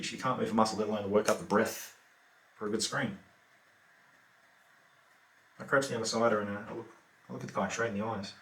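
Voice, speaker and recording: Remorseless lazy Australian killer, played by a male actor; offhand, laconic delivery with fillers; medium pitch; roomy echo. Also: bright, forceful tone, distant mic. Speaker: actor performing a monologue. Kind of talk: theatrical monologue.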